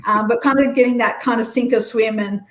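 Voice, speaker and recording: A woman's voice: a little high, brisk, low-quality recording. A woman in her thirties from Queensland with an Australian accent, chatting easily as a podcast guest with lots of ums. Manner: relaxed, many fillers. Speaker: guest, former rugby player. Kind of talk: podcast interview.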